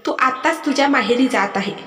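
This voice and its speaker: A woman's voice: high voice, a little fast, fairly bright tone. Storybook role: woman doing a firm young farmer husband, echoey room. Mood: stern. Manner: firm, scolding. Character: young male farmer, patient husband, stern when pushed. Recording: echoey hall with music behind.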